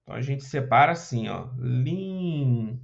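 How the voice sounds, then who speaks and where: A man with a fairly high voice and lively intonation teaches Portuguese grammar slowly for an upcoming exam. He works through questions step by step, checking in often with short questions, on a muffled recording.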